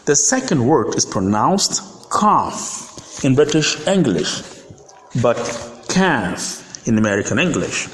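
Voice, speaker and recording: A man teaching pronunciation, saying each word slowly and repeating it, comparing British and American sounds. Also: mid-range voice, sing-song, a little hiss or hum. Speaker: phonics teacher. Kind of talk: slow pronunciation lesson. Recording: echoey room with long reverb.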